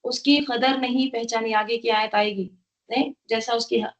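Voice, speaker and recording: A woman's voice: a little high, fairly even intonation, normal speed. Woman teaching a Quran lesson, lo-fi. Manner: explains word by word, checks in with "right?". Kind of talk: tafseer lesson. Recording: dull lo-fi sound.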